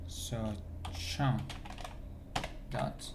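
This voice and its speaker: Slow-talking man walking through code. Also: medium pitch, fairly even intonation, creaky, noisy background. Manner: thinks aloud while typing, with restarts. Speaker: programming instructor. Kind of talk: screencast coding tutorial. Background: keyboard typing.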